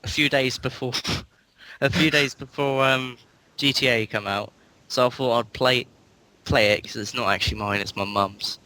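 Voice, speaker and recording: A man's voice: mid-range voice, steady tone, moderate pace, sharp tone, no echo. A man with an English accent chatting casually as a panelist on a gaming podcast. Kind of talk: casual chat.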